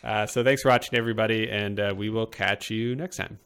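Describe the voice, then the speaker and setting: A man's voice: fairly low pitch, steady tone, fairly quick, fairly bright tone, clean tone. A man hosting a casual let's-play, chatting in an easygoing, talkative way. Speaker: host.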